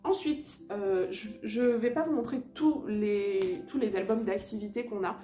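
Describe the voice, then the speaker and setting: A woman chats at home beside a fireplace, hesitant and full of fillers as she shows her books. Her voice sits at a middling pitch in a roomy, echoing space, with faint music playing behind her. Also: measured pace, warm tone. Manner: hesitant, many fillers and restarts. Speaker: vlogger and mother sharing children's books. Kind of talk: casual show-and-tell chat. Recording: roomy echo.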